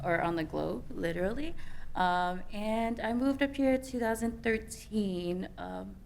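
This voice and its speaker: A woman's voice: mid-range voice, a little slow, creaky, a little mellow, a little hiss or hum. A young woman from American Samoa, speaking on a youth panel, telling her personal story candidly with many fillers and restarts.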